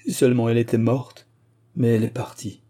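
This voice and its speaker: A man's voice: medium pitch, flat delivery, brisk, warm tone, natural voice. A man voicing an aging, grief-stricken country vicar who speaks in impassioned, declamatory outbursts. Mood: grieving.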